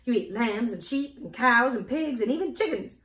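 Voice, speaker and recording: A woman voicing a bold, matter-of-fact female talking hen in a storybook reading, loud and emphatic, in a roomy, echoey recording. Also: fairly high pitch, lively intonation, normal speed, recorded from a distance, voice pushed up. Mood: confident. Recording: roomy echo.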